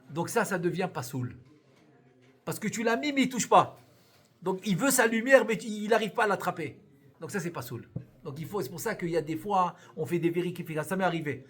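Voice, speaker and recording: Male rabbi, lively classroom teacher, slightly high voice, repeats and self-questions. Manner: animated, repeats key words, asks and answers own questions. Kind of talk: live Torah lesson.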